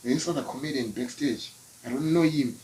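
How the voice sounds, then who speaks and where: A man's voice: medium pitch, normal speed, darkish tone, a little hiss or hum, low-quality recording. A South African man, a comedian, telling stories casually and animatedly in slangy speech, switching between English and an Nguni language. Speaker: comedian and ventriloquist, guest. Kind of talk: casual comic storytelling.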